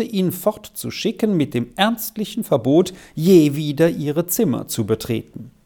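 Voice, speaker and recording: An audiobook reader narrating a children's story in an expressive, storytelling way. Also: mid-range voice.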